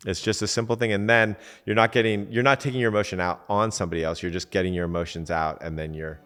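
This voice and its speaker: Deep-voiced man giving candid advice. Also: fast, smooth, long reverb tail. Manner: relaxed, candid, swears casually, acts out quotes. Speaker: podcast host and coach. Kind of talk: casual advice talk.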